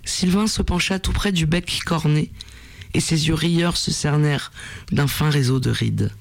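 Man, radio host, story reading, gravelly voice, very dry close sound. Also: fairly high pitch, no echo. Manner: measured, deliberate reading.

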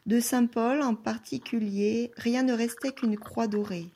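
A woman reading a literary novel aloud as an audiobook narrator, in a measured, soft-spoken way. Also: on the high side, fairly even intonation. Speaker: audiobook reader.

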